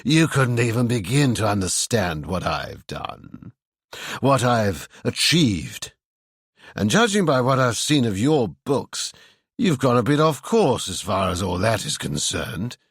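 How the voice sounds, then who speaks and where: A man's voice: mid-range voice, very animated, unhurried, husky, dry recording, clean studio sound. A man reading an audiobook, voicing an oily, unstable, condescending man with a sly, taunting manner. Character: oily, mocking, unstable middle-aged man.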